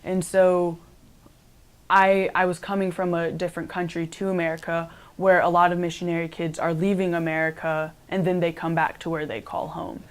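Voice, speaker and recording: Chatty young woman, lowish voice. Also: level tone, moderate pace, smooth. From Cambodia. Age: young adult. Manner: chatty, many "like" and "um" fillers. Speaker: interviewee, college student. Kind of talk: casual interview answers.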